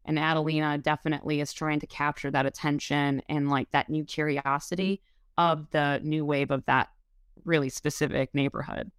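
A woman's voice: sits low, flat delivery, moderate pace, smooth, no echo, studio quality. A woman who is a restaurant wine director, answering an interview question in a rambling way with many fillers and restarts.

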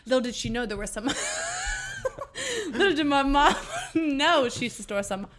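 A young woman from New York co-hosts a comedy podcast, her voice sitting a bit high. She tells her story in a lively, animated way, laughing often and swearing freely. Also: unhurried. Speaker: podcast co-host.

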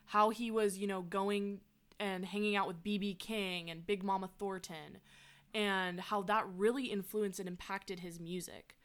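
A woman's voice: mid-range voice, steady tone, unhurried, a bit bright, clean tone. Enthusiastic woman chatting about a film. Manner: enthusiastic, laughs often. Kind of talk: casual chat about a film.

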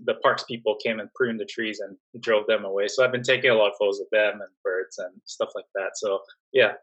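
A young adult man from Singapore, speaking as a guest in a casual interview, relaxed and full of fillers and restarts. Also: lowish voice, brisk, highs cut off. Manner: relaxed, many fillers and restarts, laughs softly. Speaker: job-seeking guest.

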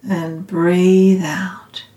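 A woman guiding a meditation in a calm, meditative, soothing tone, unhurried and leaving long pauses. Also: fairly low pitch. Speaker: meditation guide. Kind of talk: guided loving-kindness meditation. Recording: roomy, slightly echoing sound.

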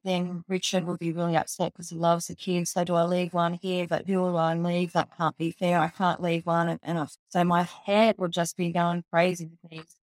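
A woman's voice: lowish voice, flat delivery, moderate pace, no echo. Candid Australian woman, dry close sound. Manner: candid, emotional, swears freely. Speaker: guest. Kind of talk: personal storytelling interview.

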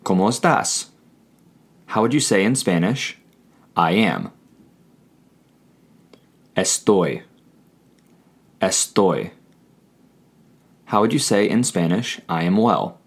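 A man hosting a scripted language lesson, switching between English and Spanish in a measured way, with prompts and repeated phrases. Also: lowish voice, animated, breathy edge.

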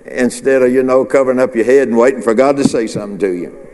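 A man's voice: mid-range voice, fast talker, darkish tone. A man preaching an informal, chatty midweek sermon, full of restarts and questions to the congregation. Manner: conversational, rambling with restarts and call-and-response. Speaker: pastor. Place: church sanctuary. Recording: long hall reverb.

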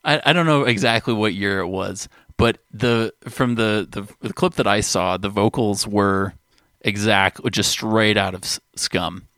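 Low voiced podcast dude, amused, chatty, dry mic sound. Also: male voice, measured pace, a bit bright, no echo. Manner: amused, enthusiastic with fillers. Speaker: podcast co-host. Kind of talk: casual chat.

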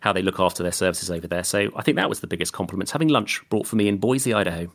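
A man's voice: low-pitched, very fast, fairly bright tone. A British man, a former military pilot, telling stories as a podcast guest in an earnest, anecdotal way. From Britain. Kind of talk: casual interview chat.

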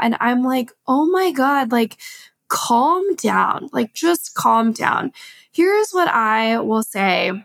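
A woman hosting a podcast in casual chat, hoarse from a sinus infection, chatty and sarcastic with lots of fillers. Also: a little high. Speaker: podcast host.

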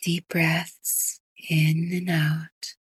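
A woman guiding a sleep meditation in a soft, breathy whisper. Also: low voice, level tone, no echo. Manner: slow, soft whispered delivery. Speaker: meditation guide.

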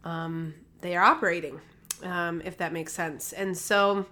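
Still slightly nasal from a cold she's recovering from, a woman hosts her own health podcast alone and talks casually into a podcast microphone. Her lowish voice holds a steady tone, unhurried, pushed and bright. As a holistic health practitioner, she's chatty and rambling, with many fillers and restarts.

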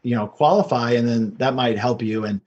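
A man's voice: mid-range voice, normal speed, a little mellow, dull audio. A man speaking as an interview guest, telling his own story in a casual, unpolished, loosely rambling way. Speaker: podcast guest, real estate investor.

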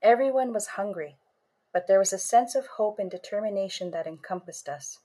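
Woman storyteller, first-person tale, measured and unhurried, lingers on images. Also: mid-range voice, lively intonation, mellow, slightly rough. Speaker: author and storyteller.

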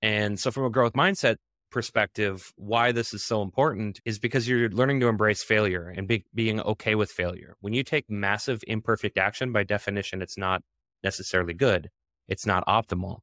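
A man's voice: on the low side, brisk, fairly bright tone, dry recording, clean studio sound. A man hosting a casual podcast, upbeat and chatty, often laughing as he talks. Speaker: podcast host.

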